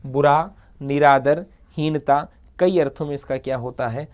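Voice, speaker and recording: Guy teaching grammar, asks a question then answers it himself, drags out each example word nice and slow. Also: fairly high pitch, darkish tone. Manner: slow, drawn-out dictation of example words; urges viewers to repeat aloud with him. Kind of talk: classroom-style grammar lesson.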